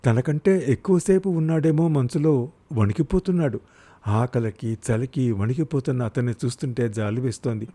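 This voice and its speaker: A man's voice: medium pitch, normal speed, dark tone. A man narrating a written short story aloud, reading expressively and lifting his voice for the characters' cries.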